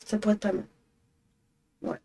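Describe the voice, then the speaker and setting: With a dark tone and a moderate pace, a young woman vlogs casually from her apartment. She has a northern French accent, comes from northern France, and rambles hesitantly, filling her speech with fillers.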